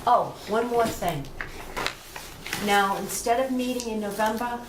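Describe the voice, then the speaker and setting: A woman's voice: on the high side, a little slow. A woman on staff at a housing authority board meeting, explaining procedures step by step with restarts, captured on old camcorder audio. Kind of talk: casual meeting talk. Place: meeting room. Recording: echoey room, distant camcorder mic, hissy.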